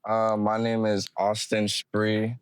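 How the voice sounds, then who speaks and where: A man from Massachusetts, a musician, answering interview questions in a mellow, hesitant way with many fillers. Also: on the low side, monotone, slow, clear, resonant tone, no echo.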